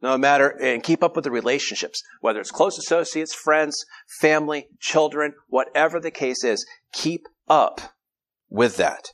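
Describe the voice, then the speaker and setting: A man's voice: a little high, normal speed, a bit bright. A man preaching an earnest sermon, reading scripture aloud and often restarting his phrases. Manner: frequent repetitions and restarts.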